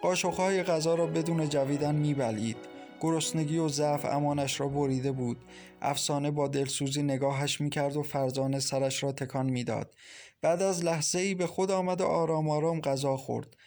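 A man narrating a story aloud in a steady, measured reading style. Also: a little high, faint music behind. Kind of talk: audiobook narration.

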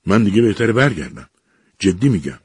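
A man's voice: fairly low pitch, sing-song, darkish tone, husky, dry recording, studio quality, voice pushed up. A man voicing a frightened young woman who is trapped and pleads anxiously. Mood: frightened, pleading.

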